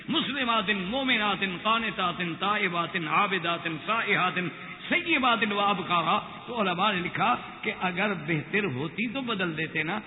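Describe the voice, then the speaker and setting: High-voiced man preaching in an echoing hall. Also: a little hiss or hum. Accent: Pakistani Urdu. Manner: animated retelling, acting out quoted speech. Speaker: Islamic scholar lecturing. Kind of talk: sermon storytelling. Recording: echoey hall over a tinny, lo-fi line.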